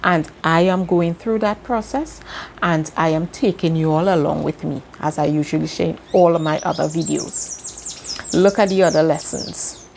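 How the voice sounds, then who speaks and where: A Trinidadian woman hosts a self-help video, giving a slow motivational lesson with earnest delivery and repeating key words for emphasis. Her voice is low and darkish with vocal fry, at a moderate pace, over slight background noise.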